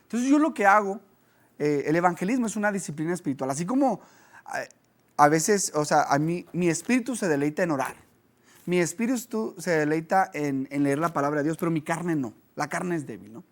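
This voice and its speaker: A man's voice: fairly high pitch, brisk. Man preaching conversationally. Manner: conversational, with lively storytelling. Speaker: pastor. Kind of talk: sermon teaching.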